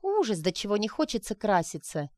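A woman reading aloud and voicing a lively young woman who talks in a bright, teasing, chatty way. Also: mid-range voice, fairly quick, no echo, clean studio sound. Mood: whiny.

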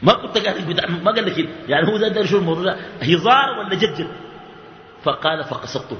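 Sudanese preacher, man, fairly high voice, slow stressed phrases then rapid asides, muffled lo-fi recording. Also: a little hiss or hum. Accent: Sudanese Arabic. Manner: animated, swings between slow emphatic phrases and quick asides. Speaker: sheikh giving a religious lesson. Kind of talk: colloquial sermon. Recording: echoey hall, dull lo-fi sound.

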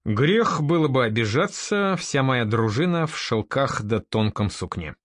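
A man voicing a bold young male raider-merchant leader in an audiobook, curt and sharp-tongued. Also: medium pitch, lively intonation, unhurried, no echo, clean studio sound, natural voice. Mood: brusque.

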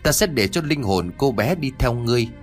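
A man voicing a towering horned red demon king who speaks in a grave, measured way, for an audio story. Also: medium pitch, animated, faint music behind, lightly acted. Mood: solemn.

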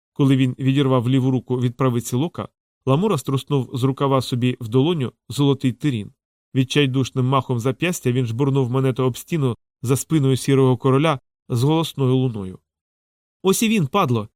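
A man reading a fantasy audiobook aloud in dramatic, measured scripted narration. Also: mid-range voice, darkish tone, dry recording, studio quality.

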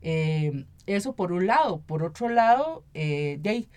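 A woman from Costa Rica, speaking with a Costa Rican Spanish accent, appears as an activist guest in a conversational interview. She explains things and often checks in with a short tag question. Her voice is on the low side, animated, a little slow, and a little mellow.

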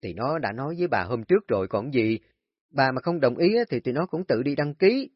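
A man's voice: medium pitch, very animated, no room sound. A man playing a mild, easygoing older husband who speaks unhurriedly. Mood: calm. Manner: unhurried, reasoning. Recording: dry, dull lo-fi recording.

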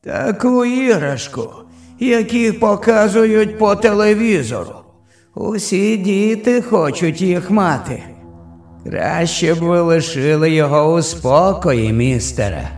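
A man doing an old vampire's slow menacing whisper. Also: high-pitched, expressive, a little mellow, recorded from a distance, soft background music, heavily acted. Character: monstrous grandpa, old winged vampire.

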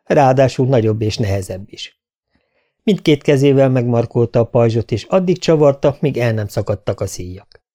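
A man narrating a fantasy story as an audiobook reader, measured and steady. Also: medium pitch. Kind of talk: scripted narration.

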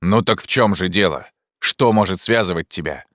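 A man voicing a proud, loyal rebel leader who speaks forcefully and with indignation, in an audiobook reading. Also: low voice, normal speed, no echo, studio quality. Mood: insistent.

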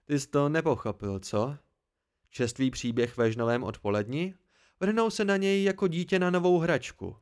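A man's voice: fairly high pitch, expressive, smooth, close to an everyday voice. A grim, brooding innkeeper, played by a man in an amateur audiobook reading. He presses his words hard and lectures firmly, his voice rising on the points he stresses. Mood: scornful.

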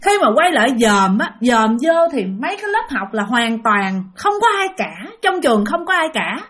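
A woman's voice: fairly high pitch, big pitch swings, normal speed, fairly bright tone. A woman with a Southern Vietnamese accent telling a ghost story, speaking directly to her listeners and repeating herself for effect.

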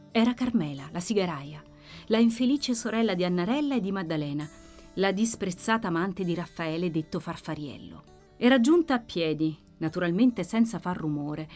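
A woman narrating a classic novel as an audiobook, measured and expressive. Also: medium pitch.

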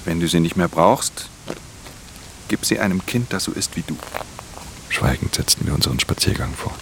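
This radio drama actor gives an expressive, normal-speed performance as a tired, tough thief recounting his crime in first person and in dialogue. The voice is very deep and gravelly, the manner terse, subdued and earnest, and the background is noisy.

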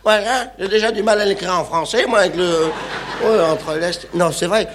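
A man's voice: sits high, moderate pace, noisy background. A man performing a comic stage monologue, in an indignant, exclaiming, mock-stubborn manner. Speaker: comedian.

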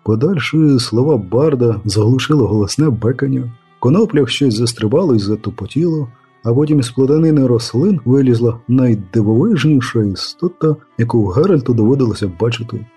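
A man narrating a fantasy story aloud as an audiobook reader, in a steady storytelling manner. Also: medium pitch, fairly quick, breathy edge, faint music behind. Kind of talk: scripted narration.

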